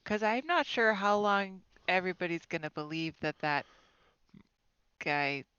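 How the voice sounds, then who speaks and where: A woman's voice: lowish voice, lively intonation, a little slow, bright, forceful tone, clean tone, dry recording, muffled recording. A woman playing a tabletop game, wry and cautious, laughing along with the table. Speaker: player. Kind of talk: casual tabletop game play.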